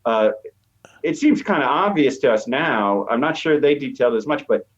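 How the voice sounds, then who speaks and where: A media professor appears as an expert guest, explaining things conversationally and thinking aloud as he goes. His mid-range voice has lively intonation and a normal pace, heard over a slightly dull, lo-fi line.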